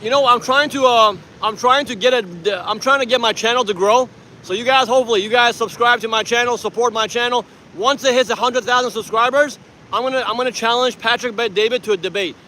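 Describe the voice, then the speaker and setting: Tired, rambling man in his 40s from Iran, vlogs outdoors; high, bright voice, faint traffic behind. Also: fairly quick. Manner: rambling, animated, laughs often. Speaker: activist vlogger. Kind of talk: casual vlog to camera. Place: city street outdoors.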